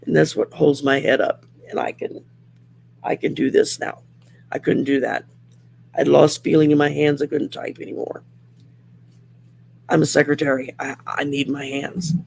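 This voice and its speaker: A middle-aged woman with a raspy, worn whiskey voice hosts a casual live chat in an unhurried, rambling, plain-spoken way. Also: deep voice, little pitch movement, darkish tone, a little hiss or hum. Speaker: live show host.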